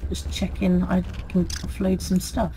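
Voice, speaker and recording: A woman in a casual co-op gaming chat, giggly and quick to apologise. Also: on the low side, monotone, warm tone, a little hiss or hum. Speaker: gamer.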